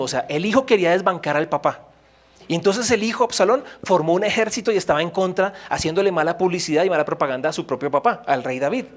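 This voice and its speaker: Man preaching, fairly high voice, emphatic, dramatic pauses, pastor's sermon.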